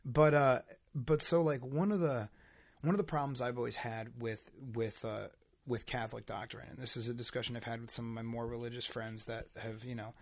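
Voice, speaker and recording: A man's voice: medium pitch, steady tone, a little fast, vocal fry, dry recording. A man in casual chat who rambles, restarting his sentences and stacking up fillers.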